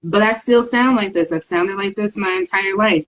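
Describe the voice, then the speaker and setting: An articulate woman from Chicago co-hosting a podcast in casual chat, earnest and quick to laugh. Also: mid-range voice, fairly bright tone, low-quality recording. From Chicago, USA. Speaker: podcast co-host.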